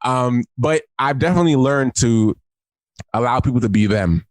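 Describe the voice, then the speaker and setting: Animated man, laughing co-host. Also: medium pitch, moderate pace, dry recording. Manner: animated, laughs often, repeats himself. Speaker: podcast co-host. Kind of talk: casual chat. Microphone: video call.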